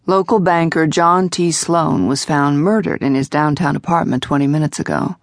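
A woman narrator voicing a radio news announcer with a brisk newsreader delivery. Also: low voice, dry recording, clean studio sound. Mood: urgent.

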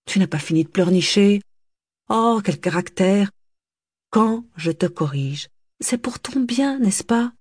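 A woman voicing an irritable, scolding mother with a sharp, nagging manner in an audiobook. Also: medium pitch, animated, measured pace, breathy edge, dry recording, clean studio sound, voice pushed up. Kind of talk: audiobook character voice.

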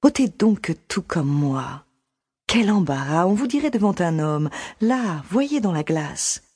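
Ardent countess, low husky voice, drawls intimately, domineering. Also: female voice, sing-song, slow, mellow, heavily acted. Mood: admiring. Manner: coaxing, intimate, possessive. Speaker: audiobook voice actor. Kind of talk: audiobook drama acting.

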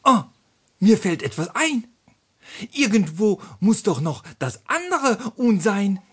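A woman voicing Serge, a vain, boastful rooster, in a children's audiobook; he drops French phrases and talks in a slow, theatrical way. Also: medium pitch, sing-song, breathy edge, full character voice.

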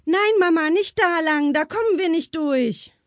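An excited teenage girl, horse-mad and eager, her voice pitched very high and urgent, as a woman narrator puts her on. The audiobook recording is dry and close, with no room sound. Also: moderate pace, no room sound. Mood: insistent.

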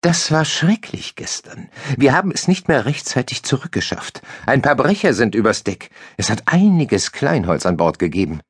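A man's voice: medium pitch, big pitch swings, normal speed, hardly any pauses, slightly rough, no echo, clean studio sound, pitched above the performer's own voice. A man voicing a slim blond woman who sails, sweet-talking and sly in a comic audiobook. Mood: sugary.

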